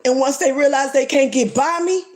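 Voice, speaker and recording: Talking fairly quickly in a high, strong voice, a woman rants to camera during a casual livestream. She's a vlogger who doesn't hold back, speaking bluntly and swearing freely.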